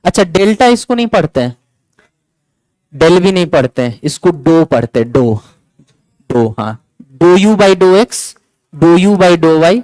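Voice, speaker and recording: Lively, chatty male physics teacher. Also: fairly high pitch, takes it slowly, long pauses, no echo, low-quality recording. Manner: chatty, scolds and coaxes students, repeats points. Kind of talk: classroom lecture.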